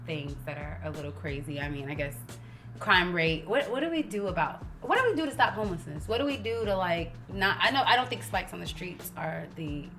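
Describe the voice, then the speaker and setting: Interviewer, woman, supportive, with a lowish voice over background music. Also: animated, fairly bright tone. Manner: supportive, quick affirmations. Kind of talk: casual interview.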